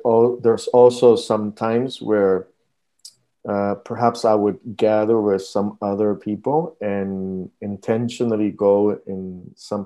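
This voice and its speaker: Male pastor from Costa Rica, mellow low voice, halting interview delivery. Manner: hesitant, many fillers and restarts. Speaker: pastor, guest. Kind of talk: casual interview talk.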